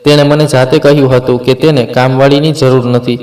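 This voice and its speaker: A man's voice: mid-range voice, little pitch movement, fairly quick, a little mellow, far from the mic, lightly acted. A cold, contemptuous mother-in-law from a family storybook, read by a man. Her lines are spoken in a plain narrator's voice. The recording has a roomy echo and sits some way from the mic. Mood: scornful. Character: harsh scornful middle-aged mother-in-law.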